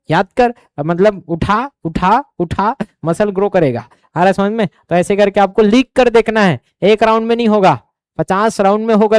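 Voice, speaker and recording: A man's voice: high-pitched, a little mellow, clear, resonant tone, no room sound, clean studio sound. A man with a Chhattisgarhi accent teaching an exam coaching class, drilling numbers over and over and often asking if the students follow.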